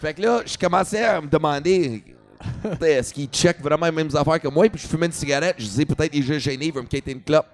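A man's voice: fairly high pitch, quick pace. A man comedian with a Quebec French accent telling a story in a casual talk, switching into English and swearing freely.

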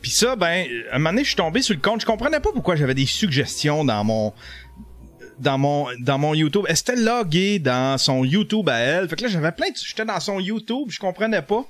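Lively, high-voiced Quebec man streaming. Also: a little fast, faint music behind. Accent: Quebec French. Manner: jokey and animated, stumbles over words. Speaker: streamer reacting to a video. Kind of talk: casual live commentary.

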